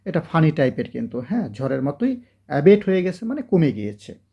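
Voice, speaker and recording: A Bangladeshi man teaching English vocabulary, repeating each word slowly for students to drill, and reading example sentences out very slowly. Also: a little high, big pitch swings, husky, highs cut off. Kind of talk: classroom-style vocabulary lesson.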